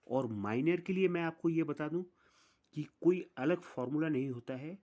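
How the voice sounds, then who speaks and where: The audio is dull, but the man's fairly high, warm voice comes through as he teaches music theory step by step. He takes it slowly and deliberately, counting the notes out loud individually.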